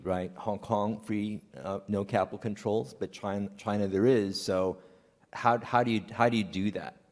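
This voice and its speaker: A man's voice: on the low side, a little mellow, in a large hall. A man from Taiwan speaking as a conference panelist in an earnest, conversational way with frequent restarts. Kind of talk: panel discussion.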